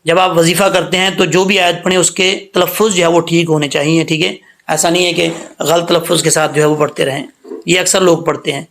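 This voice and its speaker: High-voiced man teaching Quran recitation. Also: flat delivery, creaky, a bit bright. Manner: slow, drawn-out chanting when reciting, patient explaining; checks understanding with repeated questions. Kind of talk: tajweed lesson, spelling words letter by letter.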